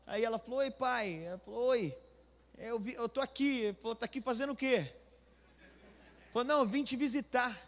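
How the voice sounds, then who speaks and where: A male Brazilian pastor telling a story from the pulpit, acting out the dialogue and building to near shouting. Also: fairly high pitch. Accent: Brazilian Portuguese. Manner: animated, acts out dialogue, rising to near shouting. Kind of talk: storytelling sermon. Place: church hall. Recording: live church hall with long reverb.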